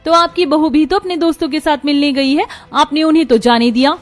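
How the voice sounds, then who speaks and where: A woman voicing a young daughter-in-law and a sulky daughter in a cartoon, gentle or sharp by turns. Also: high voice, fairly even intonation, brisk, faint music behind, natural voice. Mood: petulant.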